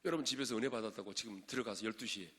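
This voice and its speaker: A male pastor preaching to a congregation, swinging from shouted exhortation to hushed asides and quizzing his listeners. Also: fairly low pitch, rapid-fire. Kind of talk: sermon at a prayer meeting. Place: large church sanctuary. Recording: long reverb of a large church hall.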